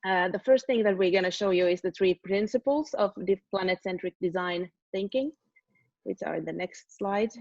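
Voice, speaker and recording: A woman in her thirties runs an online design workshop over a video call, speaking casually with lots of fillers and sentences that trail off. Her mid-range, slightly mellow voice moves at a moderate pace, and the audio is dull, dry, and free of room sound.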